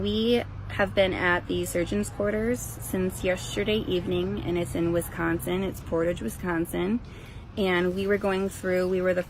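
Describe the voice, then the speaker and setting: Gravelly, lowish-voiced woman vlogging casually. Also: darkish tone, low-quality recording. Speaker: ghost investigator presenting her team's recording. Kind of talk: casual explanatory vlog talk to viewers. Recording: faint background noise.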